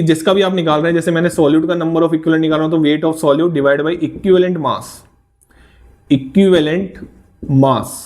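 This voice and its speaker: Male chemistry teacher, slightly raised pitch, coaxing lecture delivery. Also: a little mellow. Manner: coaxing, asks and answers his own questions. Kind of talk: classroom lecture.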